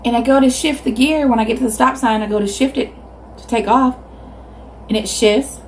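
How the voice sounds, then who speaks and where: A woman in her fifties with a Southern US accent, telling a casual, animated story to viewers as she hosts a mukbang, chewing while she talks. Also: a little high, a little fast, slight background noise. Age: 50s. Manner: animated, acts out quoted reactions. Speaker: mukbang video host.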